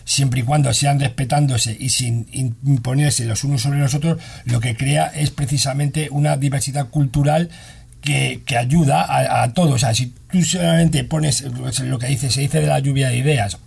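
Gravelly man explaining on a radio panel. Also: mid-range voice, steady tone, moderate pace, darkish tone. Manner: explanatory, repeats words while searching for them. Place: radio studio.

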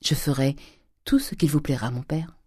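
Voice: mid-range voice, moderate pace, darkish tone, husky, no room sound, clean studio sound, natural voice. A reader voicing a meek young daughter. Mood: earnest.

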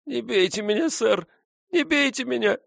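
A man voicing a drunken, bitter young woman of the streets who talks in a shrill, self-pitying way. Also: animated, moderate pace, vocal fry, fairly bright tone, no echo, clean studio sound, full character voice. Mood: whimpering.

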